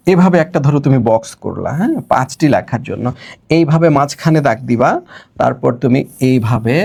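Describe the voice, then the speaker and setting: A young man from Bangladesh teaching an exam-prep lecture, explaining step by step and checking in with students, slowing and stretching words as he writes on the board. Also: fairly high pitch, gravelly, a little mellow.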